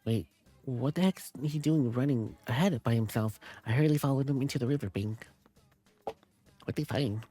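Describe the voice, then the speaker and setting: A streamer with a warm, mid-range voice reads a visual novel's narration aloud at a moderate pace, breaking off into giggly, chatty asides. Faint music plays in the background.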